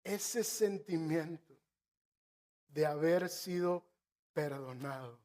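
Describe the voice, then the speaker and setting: A middle-aged man with a northern Mexican accent preaching a sermon, telling stories with asides to the congregation and slowing down to stress key phrases. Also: a little high, darkish tone. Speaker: pastor.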